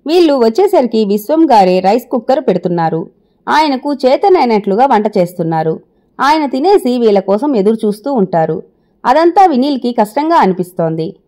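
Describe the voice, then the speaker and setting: A woman reading a scripted audio story aloud in a steady, measured way. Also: a little high.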